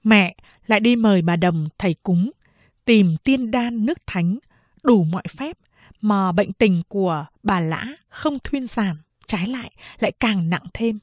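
A woman reading a novel aloud as an audiobook narrator, in a steady, even storytelling manner. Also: medium pitch, measured pace, dry recording.

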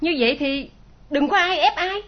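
Actress as a sharp, curt young wife, high voice, lo-fi. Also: female voice, moderate pace, close to an everyday voice. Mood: bitter. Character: bitter, headstrong young wife. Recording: dull lo-fi recording.

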